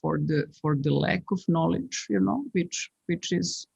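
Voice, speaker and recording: Gravelly woman on a call. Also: on the low side, a little slow, a little mellow. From Serbia. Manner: hesitant, many fillers and restarts. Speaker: architect guest. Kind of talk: video call conversation. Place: small room indoors. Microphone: laptop on video call. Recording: muffled video call audio.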